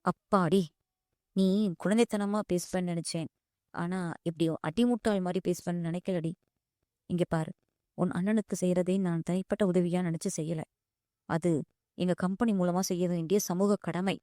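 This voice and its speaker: A woman's voice: on the low side, steady tone, normal speed, mellow, no echo, clean studio sound, close to an everyday voice. A woman voicing a wealthy, insistent young man who pleads and scolds in turn. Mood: frustrated. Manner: pleading then scolding, calls her "di".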